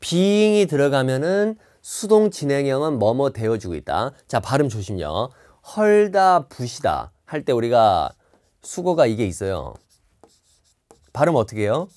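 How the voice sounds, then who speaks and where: A man's voice: medium pitch, big pitch swings, unhurried, a little mellow. A man teaching TOEIC listening in an online lecture, explaining each answer and repeating key words.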